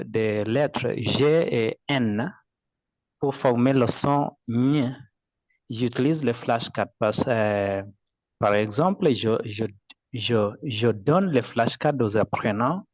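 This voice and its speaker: A man's voice: mid-range voice, darkish tone, dry recording. A man with a Kenyan accent, a teacher sharing his classroom experience over a video call, speaking carefully and hesitantly. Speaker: participating teacher.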